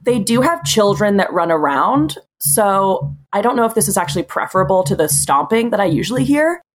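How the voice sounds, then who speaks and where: A woman from Massachusetts chatting as a podcast guest, relaxed and frank, with lots of likes and ums. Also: mid-range voice, brisk. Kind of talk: casual chat.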